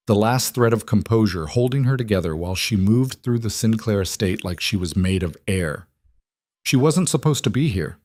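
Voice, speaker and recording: A man doing scripted narration with a measured, dramatic storytelling manner. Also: lowish voice, a little mellow, no room sound, studio quality.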